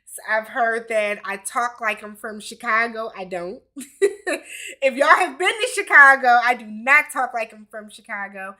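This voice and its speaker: A Milwaukee woman in her forties hosts a relaxed YouTube livestream Q&A, laughing a lot, chatting freely, and reading out comments from viewers. She speaks at a measured pace in a bright, forceful voice on the high side.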